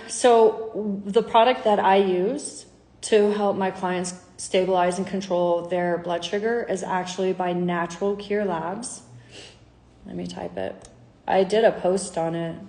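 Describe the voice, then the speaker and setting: A woman's voice: on the low side, darkish tone, reverberant. Chatty woman, health coach. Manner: chatty, candid, acts out dialogue. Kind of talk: casual talk to followers.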